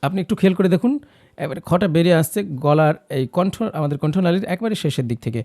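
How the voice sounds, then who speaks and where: A man's voice: fairly high pitch, animated, fast, a little mellow, no room sound, clean studio sound. A man teaching Quran recitation step by step, patiently modelling each letter sound and encouraging the listener to repeat after him.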